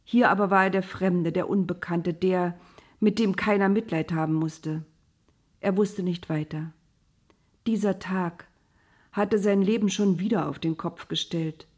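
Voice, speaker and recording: A woman calmly narrating a storybook in a measured way. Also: fairly low pitch.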